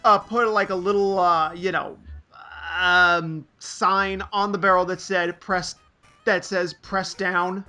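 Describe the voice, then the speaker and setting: A man's voice: high-pitched, little pitch movement, slow pace, bright, forceful tone, soft background music. A man in his late twenties chatting casually as a let's play commentator, rambling with lots of hesitations. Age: late 20s. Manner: rambling, hesitant, full of fillers. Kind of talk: casual game commentary chat.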